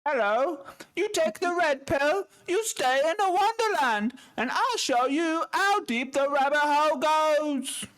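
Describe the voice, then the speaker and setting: A stiff, posh Englishman as a man does an impression delivers a grand line. The pitch is pushed far up, the delivery is slow and drawn out, and the voice is loud and theatrical. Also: animated, exaggerated voice.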